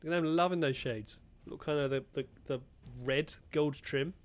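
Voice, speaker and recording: A man's voice: a little high, moderate pace. Playful man commenting on a game. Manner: playful, sarcastic, chatty, laughs often. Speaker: gaming streamer. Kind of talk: let's-play commentary. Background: faint game music.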